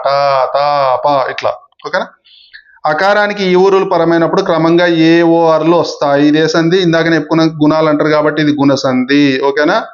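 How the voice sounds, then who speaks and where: A man's voice: fairly high pitch, highs cut off. A man teaching an exam-prep grammar lesson, repeating key points and checking in with listeners often. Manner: repetitive, asks "okay?" often.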